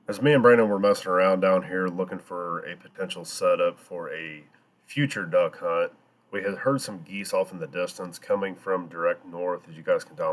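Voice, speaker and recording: A man casually narrating a hunting vlog outdoors, chatty and easygoing, explaining things as he goes on an action camera. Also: low voice. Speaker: hunting vlogger. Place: outdoors in a rural field.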